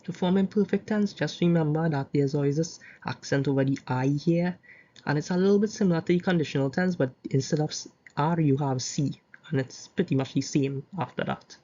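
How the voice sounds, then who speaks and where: A Caribbean-accented teacher giving a language grammar lesson, reciting verb conjugations slowly and adding short explanations. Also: mid-range voice, warm tone, lo-fi sound. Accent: Caribbean English. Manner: slow, deliberate reciting of conjugations with asides. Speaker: Spanish teacher.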